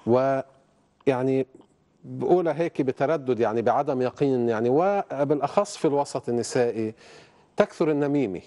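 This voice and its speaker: Measured, probing male talk-show host. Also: medium pitch, animated, warm tone. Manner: measured, probing questions with hesitant restarts. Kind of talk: TV interview.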